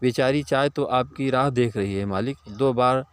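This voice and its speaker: A man voicing a cheeky young male servant who answers back with deadpan wit. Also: medium pitch, moderate pace, clear, resonant tone, lightly acted.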